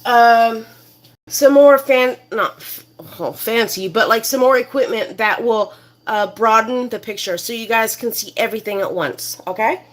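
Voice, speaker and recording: In her home kitchen, a woman hosts a casual cooking demonstration, chatting and rambling with plenty of fillers. Her voice is a little high and her pace measured.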